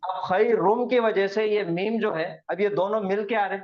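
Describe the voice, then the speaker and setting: High-voiced man teaching recitation online. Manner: slow, repeats words for students to echo and quizzes them. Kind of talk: online Quranic Arabic recitation lesson. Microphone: video call. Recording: dull lo-fi online class audio.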